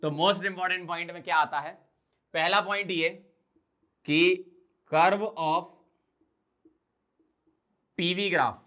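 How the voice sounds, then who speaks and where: Bright-voiced male chemistry teacher lecturing. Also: high voice, fairly even intonation, drawn-out words, pauses often. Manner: asks students questions and answers them himself; mixes Hindi with English technical terms. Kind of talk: blackboard lecture.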